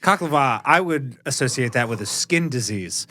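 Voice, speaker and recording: Animated bright-voiced male podcast host. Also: medium pitch, moderate pace. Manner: wry, exasperated straight man. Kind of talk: casual comedic banter.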